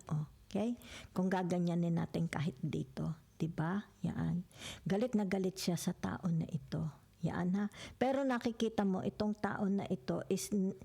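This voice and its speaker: A woman's voice: lowish voice, gravelly, dark tone, breathy edge. A woman giving a casual tarot reading, mixing English into her talk, often asking "di ba?" and sometimes slipping into a whisper. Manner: chatty, mixes English into Tagalog, keeps checking "di ba?"; drops into whispers at times. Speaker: tarot reader.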